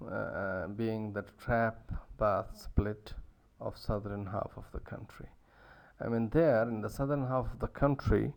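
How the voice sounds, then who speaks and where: A man's voice: on the low side, creaky. A man giving a university lecture, hesitant, with many fillers and restarts.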